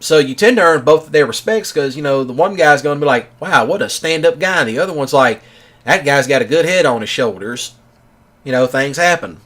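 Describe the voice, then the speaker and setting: With a high-leaning, fairly bright voice, the man talks expressively and fairly quickly. He's a gaming channel host in his thirties, rambling through a long personal story in a casual monologue stuffed with fillers, especially "you know."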